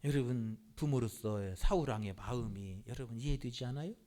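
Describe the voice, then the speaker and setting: A man's voice: medium pitch, normal speed, mellow. A middle-aged man preaching a sermon as a pastor, in a conversational way that keeps asking the congregation questions.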